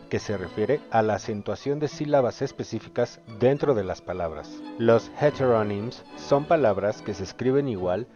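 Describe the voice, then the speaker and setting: A young man with a fairly low voice narrates a scripted lesson in a measured, explanatory way. The voice-over sounds dull and lo-fi, with faint music underneath. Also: warm tone. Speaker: student presenter.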